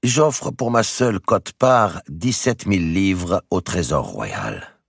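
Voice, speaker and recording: A man voicing a cold, shrewd middle-aged merchant in an audiobook, speaking in a measured, deliberate and calmly menacing way. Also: sits low, vocal fry, husky, no room sound, voice pushed up, exaggerated voice. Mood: cold, calculating. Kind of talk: audiobook character reading. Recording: dry close recording.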